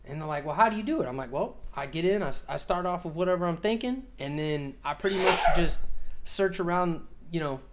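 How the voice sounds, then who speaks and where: A man's voice: on the high side, brisk, very noisy. A man in his forties talks loosely on a podcast, rambling with plenty of fillers and casual swearing. He laughs easily and drifts from point to point. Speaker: podcast co-host.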